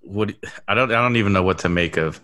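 A man's voice: low-pitched, quick pace, pushed and bright, dry recording. A man co-hosting a casual sports podcast, easygoing and agreeable, trading opinions and chiming in with short replies. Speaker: podcast co-host.

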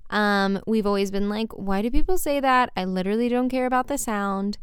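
A woman's voice: mid-range voice, brisk, clear, resonant tone, no room sound, studio quality. A woman podcast host recording from under a blanket on her bedroom floor, talking to her listeners in a chatty, rambling, apologetic way. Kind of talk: casual spoken apology to listeners.

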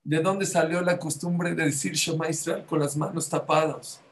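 A man's voice: on the high side, level tone, normal speed. A man preaching a fervent sermon to a group of women, rising to emphatic peaks.

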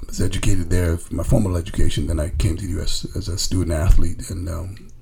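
A college coach raised in the Bahamas tells stories casually during an interview, speaking emphatically and often repeating his words. His voice is low, creaky and warm, with fairly even intonation and a brisk pace.

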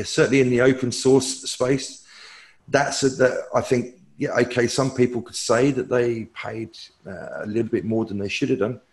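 A man's voice: medium pitch, darkish tone. A man, a technology expert guest, answering viewer questions in a rambling, self-correcting, opinionated way.

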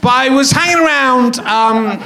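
A man's voice: very high voice, measured pace, bright, forceful tone. A man of fifty hosting a live comedy podcast on a theatre stage, chatting in a self-mocking, rambling way full of fillers. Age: 50s. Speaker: podcast host. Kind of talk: comic stage banter.

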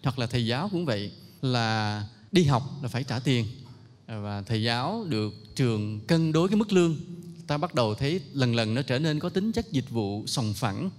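A man speaks at a middle pitch, telling stories in an unhurried, gently reflective way. His voice rings with a long reverb, as if heard in a large hall. He speaks as though giving a moral talk. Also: expressive.

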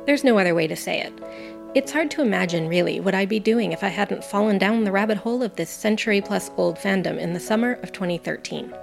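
A woman's voice: mid-range voice, fast talker, gravelly. A woman, a guest podcaster, reading a personal essay in an earnest, enthusiastic, reflective way. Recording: music playing under the voice. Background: background music.

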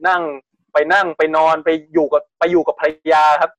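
A man's voice: a little high, steady tone, a little fast, a bit bright, no room sound, dull audio. A man casually retelling a strange news story on a podcast, chatty and full of restarts. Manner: chatty, restarts often, acts out quotes.

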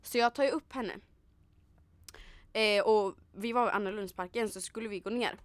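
A woman's voice: medium pitch, steady tone, dry recording. A young woman from Sweden in casual chat, retelling a night out with acted quotes and lots of fillers. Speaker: storyteller in a chat.

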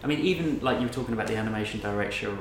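A man's voice: on the low side, very fast. A man hosting a casual chat, rambling and reflective with many fillers. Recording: roomy echo, background noise.

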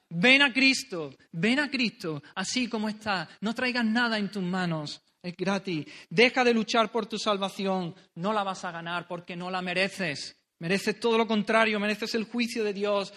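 A man's voice: sits high, moderate pace, few pauses, pushed and bright. A man preaching an earnest, pleading sermon, repeating phrases for emphasis.

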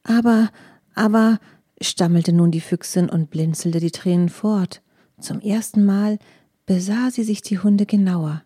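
Woman reading a kids story, super warm and breathy, dry close sound. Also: fairly low pitch, a little slow, no echo. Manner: expressive storytelling. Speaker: narrator. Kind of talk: children's audiobook narration.

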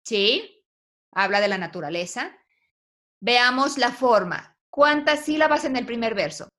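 A woman's voice: on the high side, lively intonation, unhurried, a bit bright. A woman teaching a poetry class online, patiently quizzing her students. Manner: patient, asks the class questions.

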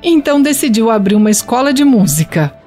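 A woman's voice: fairly high pitch, sing-song, quick pace, a little mellow, soft background music. A Brazilian actress playing a proud, reflective mother fondly telling family history in a radio drama. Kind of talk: radio soap opera acting.

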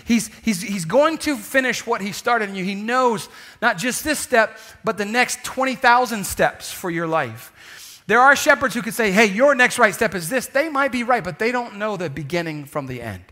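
A man's voice: high voice, sharp tone. A man preaching a conversational sermon as a pastor, emphatic and repeating phrases for effect.

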